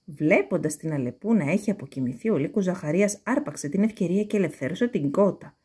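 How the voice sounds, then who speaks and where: A woman reads a children's story aloud with expressive, animated delivery. Her intonation swings widely and her voice is husky. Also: fairly low pitch.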